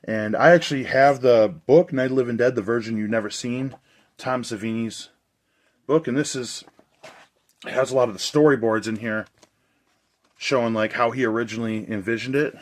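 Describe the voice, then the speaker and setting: Reviewing a movie release for his video channel, a young man chats in a casual, enthusiastic way. His mid-range voice is slightly hoarse, and he talks at a normal speed.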